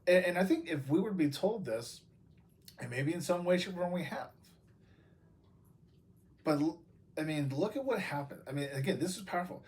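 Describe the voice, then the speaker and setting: Chatty American pastor, many fillers. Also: male voice, fairly high pitch, expressive, normal speed, long pauses, a little mellow, slight background noise. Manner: casual, many fillers and restarts. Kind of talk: devotional talk.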